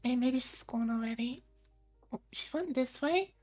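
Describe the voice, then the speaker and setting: A woman's voice: high voice, moderate pace, a little mellow, soft background music. A woman streamer doing in-character game roleplay, hesitant and stuttering at the start of her sentences.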